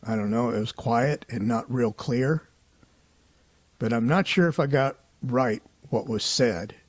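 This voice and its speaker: A man hosts a paranormal investigation show, recapping events in a laid-back, conversational voice-over and frequently hedging his opinions. His pitch is medium, his pace measured, and there's no room sound.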